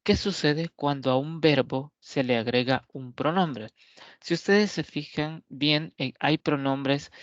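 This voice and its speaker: A man teaching a grammar lesson, explaining slowly and deliberately, pausing often and checking that his listeners follow. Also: mid-range voice, dry recording. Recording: dull, lo-fi dry recording.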